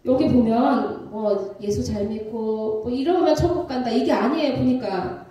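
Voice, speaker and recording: A pastor's wife in her thirties giving an animated testimony sermon, acting out the voices in her story. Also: a little high, a little slow. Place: church sanctuary. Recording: very echoey church from a distance.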